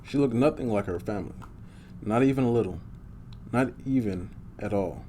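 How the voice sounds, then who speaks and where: A man's voice: on the low side, moderate pace, mellow, a little hiss or hum. A man reading a picture book aloud to children in a superhero persona, adding small asides as he goes.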